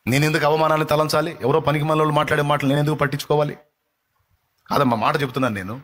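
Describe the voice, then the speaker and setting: A male pastor preaching a fiery live sermon, exhorting and rebuking with rapid repetitions. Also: a little high, steady tone, a bit bright. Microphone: live-stream microphone.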